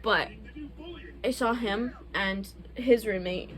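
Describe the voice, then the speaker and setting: A woman's voice: medium pitch, slow, fairly bright tone, poor audio. A young adult woman hosting a casual couple's Q&A vlog, chatting candidly with loose, profane phrasing. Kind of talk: casual chat.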